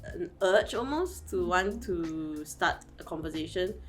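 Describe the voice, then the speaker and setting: A woman in her thirties giving thoughtful, measured answers in an interview. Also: lowish voice, animated, soft background music. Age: 30s.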